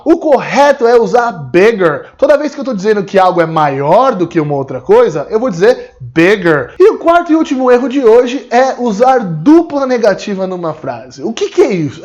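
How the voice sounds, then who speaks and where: A Brazilian Portuguese-accented man teaches English to the camera, speaking straight to the viewer. His voice sits high for a man and leaps around lively in pitch. He slows down to model each English phrase carefully. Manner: animated and explanatory, slowing down to model English phrases. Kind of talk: video lesson, direct address to the viewer.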